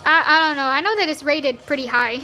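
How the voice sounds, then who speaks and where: Drawing fan art live for her stream, a nineteen-year-old woman rambles casually with slang and self-deprecating jokes. Her voice is high, youthful, and younger-sounding than her age, bright and forceful at a moderate pace. Soft background music plays, and the recording quality is low.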